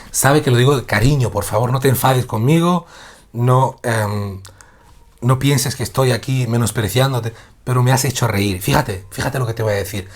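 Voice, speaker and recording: A man's voice: medium pitch, breathy edge. A man from Spain with a Spanish accent, giving a casual live-streamed religious lesson, laughing through apologies and then explaining patiently. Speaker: Islamic teacher.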